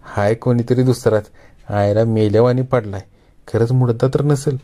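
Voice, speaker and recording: A man voicing a brash young village man in a story, gruff and scolding. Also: medium pitch, fairly even intonation, normal speed, warm tone, lightly acted.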